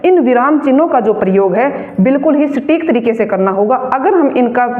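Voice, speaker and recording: A woman teacher giving a classroom grammar lesson, dictating slowly and repeating phrases so students can write them down. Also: on the high side. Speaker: school teacher. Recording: echoey classroom on a tinny phone mic.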